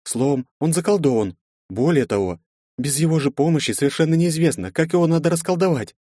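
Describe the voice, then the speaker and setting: Man reading as a worried woman mage, higher voice, dry. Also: lively intonation, brisk, mellow, no echo. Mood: tense. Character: female mage, tense, relieved and scared.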